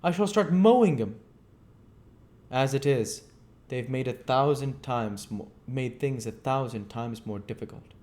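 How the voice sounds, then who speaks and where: A man reading a storybook aloud voices an arrogant, bitter fugitive scientist who is furious and exasperated. He declaims with indignant emphasis, volatile and certain of his own genius, his medium-pitched, slightly mellow voice pushed upward yet close to everyday speech, at a measured pace.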